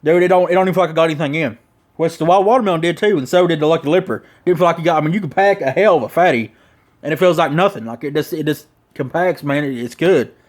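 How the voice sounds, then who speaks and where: A man with a Southern US drawl chats through a casual product review in a slightly high voice. His lower lip is packed full of dip as he talks, and his delivery is rambling, folksy and full of slang. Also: fast talker.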